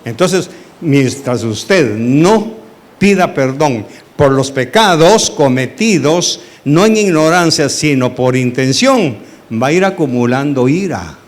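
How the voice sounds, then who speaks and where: A man's voice: fairly high pitch, slow pace. A man, a pastor teaching a Bible study sermon, asking the congregation questions and acting out dialogue. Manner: animated, asks the congregation questions, acts out dialogue.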